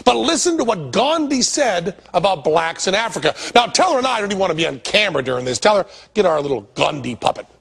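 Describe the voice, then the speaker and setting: A man's voice: high voice, sing-song, quick pace, vocal fry, hardly any pauses, a bit bright, breathy edge. An American man hosting a comedy documentary, narrating in a sarcastic, profane, mock-outraged way. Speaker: host.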